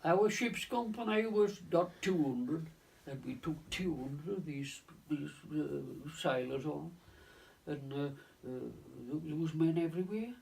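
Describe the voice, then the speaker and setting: A man in his nineties tells his wartime navy memories in halting, restarting phrases, leaning on "of course". His voice is gravelly and slightly raised in pitch. He sits a little away from the microphone. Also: a little mellow. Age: 90s. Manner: halting, with many restarts and repeated words; leans on stock phrases like "of course" and "lo and behold". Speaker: navy veteran recounting wartime service. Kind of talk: oral history reminiscence. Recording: voice distant from the mic.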